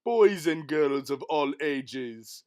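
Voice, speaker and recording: A man's voice: a little high, expressive, slow, darkish tone. A man voicing a brash, showy race announcer hyping up a crowd.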